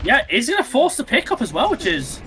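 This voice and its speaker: A high-pitched man calls the action live, his voice leaping up and down as he rambles through the play with restarts and fillers. Game music plays clearly behind him. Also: huge pitch swings, brisk, bright, forceful tone. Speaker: esports caster.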